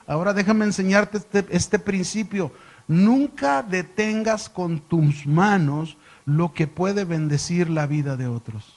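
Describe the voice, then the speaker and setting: A man's voice: high-pitched, slow, a little mellow. A middle-aged man, a pastor teaching a sermon and telling stories with questions to the congregation.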